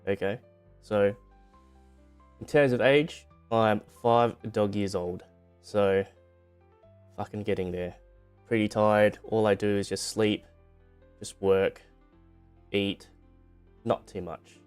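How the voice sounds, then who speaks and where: A man with a fairly low, clean and smooth voice talks as a streamer to his viewers. His delivery is informal and rambling, with light self-deprecation and a loose conversational feel. Music plays faintly behind him. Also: fairly even intonation, slow, pauses often, a little mellow. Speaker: VTuber streamer on debut stream. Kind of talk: casual livestream chat. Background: background music.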